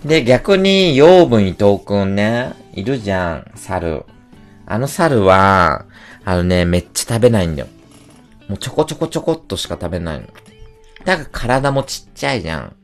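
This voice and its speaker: A man livestreaming in casual chat, telling stories in an animated, rough and slangy way. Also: fairly low pitch, moderate pace, soft background music. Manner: animated ranting storyteller, rough slangy speech.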